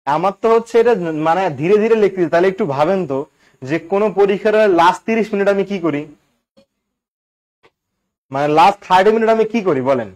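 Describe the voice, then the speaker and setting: Male grammar tutor, high voice, chatty, keeps quizzing the class. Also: lively intonation, quick pace, long pauses, darkish tone. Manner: chatty, quizzes students with questions. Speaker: English grammar teacher. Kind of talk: live online class.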